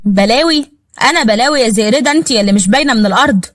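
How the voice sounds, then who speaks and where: A former police officer, blunt and impatient, mocks the girl in an Egyptian accent, as a woman narrator voices him. The delivery is quick, and the recording is dry and close. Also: on the high side, dry recording, close to an everyday voice. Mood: irritated. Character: gruff young man, a former police officer.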